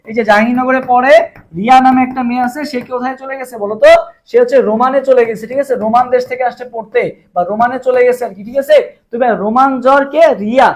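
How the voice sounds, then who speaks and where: A young Bangladeshi man runs a live exam-prep lesson, firing the same question again and again before giving the answer. His voice sits fairly high and the words come quickly. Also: a little mellow. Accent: Bangladeshi Bengali. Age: young adult. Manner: fast, repetitive quizzing of viewers, drills answers with memory tricks. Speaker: admission exam tutor.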